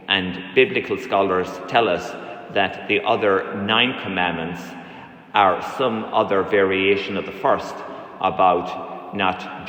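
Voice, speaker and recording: A man, a priest giving a measured sermon with occasional hesitations in a large church. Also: sits low, sharp tone. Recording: echoey church from a distance.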